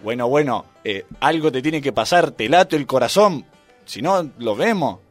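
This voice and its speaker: A man's voice: medium pitch, moderate pace. A man with an Argentine accent, a volleyball player and YouTuber, joking and telling stories as a guest in a radio interview. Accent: Argentine Spanish. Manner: joking, animated storyteller. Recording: radio studio with faint music.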